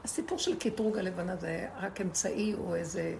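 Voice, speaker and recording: A woman's voice: fairly low pitch, vocal fry, background noise. A woman giving an impassioned spiritual lesson to a group, asking rhetorical questions and repeating words for emphasis. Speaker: Torah teacher.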